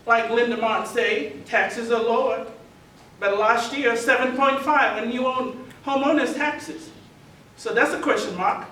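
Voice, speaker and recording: A man's voice: extremely high pitch, bright, forceful tone. A man, giving an earnest candidate forum speech full of repeated rhetorical questions. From Tonga. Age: 50s. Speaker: mayoral candidate. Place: large meeting hall. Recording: echoey hall from far off, faint noise.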